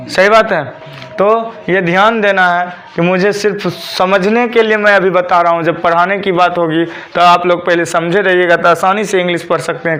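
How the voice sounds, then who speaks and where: A man's voice: high-pitched, fairly bright tone. A male teacher, giving a classroom lesson and drilling students with repeated questions for them to answer back.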